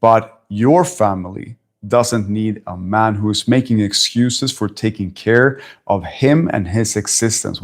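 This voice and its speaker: A man in his forties from Sweden, a personal trainer talking bluntly and emphatically to camera at a friend's house, swearing now and then. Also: lowish voice. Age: 40s. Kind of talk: talking-head fitness vlog.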